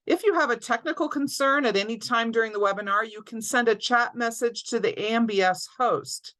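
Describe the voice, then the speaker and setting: Host, female; crisp bright voice, runs through housekeeping before the interview on a video call. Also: a little high, brisk, poor audio. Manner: clear, orderly housekeeping announcements. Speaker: alumni director, interview host. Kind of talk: scripted webinar introduction. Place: home or office, online webinar.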